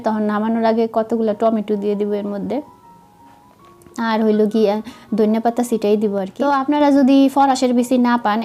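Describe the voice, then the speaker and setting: Fast-talking Madaripur-dialect woman, a bit hoarse. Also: fairly high pitch, warm tone. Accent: Madaripur Bengali dialect. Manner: chatty, self-mocking, talks to viewers while cooking. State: slightly hoarse from a cold. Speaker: vlogger. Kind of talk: casual cooking vlog narration.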